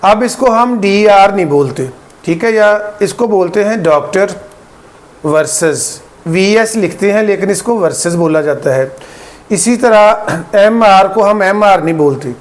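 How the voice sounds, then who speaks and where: A man's voice: sits high, expressive. A man teaching a grammar lesson, explaining patiently, spelling out letters one by one and often checking that listeners follow. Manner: deliberate, spells out letters, repeats "theek hai" to check understanding. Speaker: English teacher.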